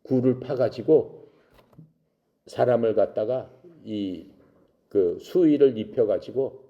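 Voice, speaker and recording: A man's voice: lowish voice, warm tone, highs cut off. A man telling a Bible story to young people, asking questions and answering them himself. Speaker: Bible teacher for youth.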